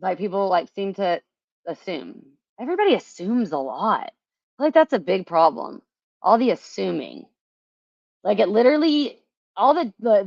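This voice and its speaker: A woman's voice: mid-range voice, dry recording, lo-fi sound. A woman vlogger talking casually to her viewers, frustrated and rambling, swearing often and filling gaps with "like". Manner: frustrated, swears a lot, rambling with many fillers.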